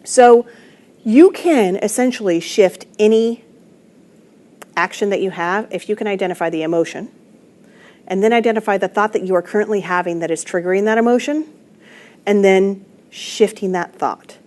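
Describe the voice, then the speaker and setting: A woman's voice: medium pitch, moderate pace, pauses often, a little mellow. A woman wellness coach giving an online presentation in an earnest, emphatic teaching tone, speaking into a computer microphone.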